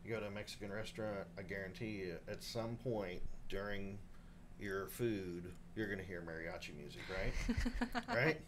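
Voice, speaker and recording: A man's voice: on the low side, moderate pace, background noise. A man in his fifties, a chef guest on a podcast, telling his story in a rambling way, often acting out what others said. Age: 50s. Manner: rambling, self-interrupting, animated quoting. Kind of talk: casual interview storytelling. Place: live podcast room.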